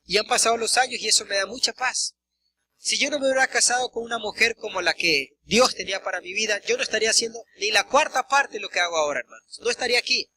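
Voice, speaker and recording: A man's voice: sits high, fast talker, sharp tone. A man, a pastor preaching a sermon, telling personal stories and addressing the congregation directly. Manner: acts out quoted dialogue, addresses congregation directly. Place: church service.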